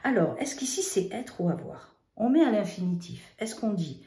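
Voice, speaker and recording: A woman gives a children's spelling lesson in a patient, guiding way. She poses questions and answers them herself, spelling out endings letter by letter. Her voice is mellow and dark, heard in a room with noticeable echo. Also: mid-range voice, big pitch swings, normal speed. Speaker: teacher.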